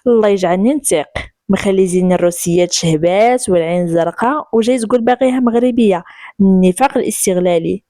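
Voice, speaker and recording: A sharp-tongued young Moroccan woman, played by a female storyteller, all quick mocking retorts. Her speech sits at a middle pitch and sounds dry and close. Every line has a teasing edge. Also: dry recording, natural voice.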